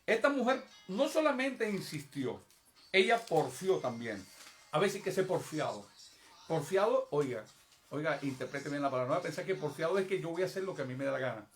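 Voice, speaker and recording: A man preaches to his congregation in a high, emphatic voice. He talks to them directly and acts out prayers with raised intensity. Soft music plays faintly behind him during the service. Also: big pitch swings, normal speed. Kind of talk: evangelical sermon. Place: church service.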